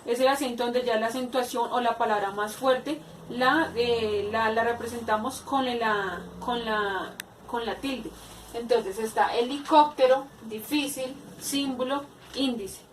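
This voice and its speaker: Woman teacher, fairly high voice, hesitant step-by-step explaining, roomy echo, off-mic. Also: fairly even intonation, slight background noise. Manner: explains slowly with many hesitations and repeats. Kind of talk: spoken grammar lesson. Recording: echoey room, far from mic.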